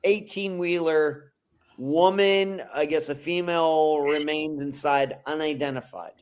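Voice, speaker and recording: A man's voice: a little high, steady tone, measured pace, clear, resonant tone. Rambling, teasing male podcast host. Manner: rambling, teasing, lots of "you know". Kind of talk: casual chat.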